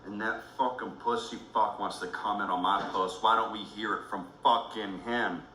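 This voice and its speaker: A man's voice: on the low side, steady tone, moderate pace, bright, forceful tone, echoey room, slight background noise, poor audio. A man ranting angrily on a livestream, swearing heavily, angry and emotional. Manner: heavy swearing, furious and emotional. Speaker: livestream host.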